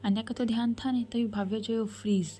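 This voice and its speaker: A woman's voice: on the high side, steady tone, fast, mellow, slight background noise. Chatty woman whispering a love story. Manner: chatty, addresses listeners as bhai.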